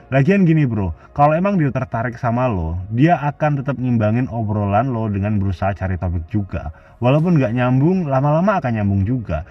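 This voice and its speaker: A man's voice: mid-range voice, distant mic, dull audio. A man giving blunt, casual dating advice as a scripted voice-over. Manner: blunt slangy Jakarta-style casual talk.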